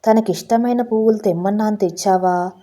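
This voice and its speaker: A woman's voice: medium pitch, a little fast, mellow, natural voice. A woman reading as a grieving, anxious mother. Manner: pleading, emotional storytelling. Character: grieving middle-aged mother, anxious and tearful.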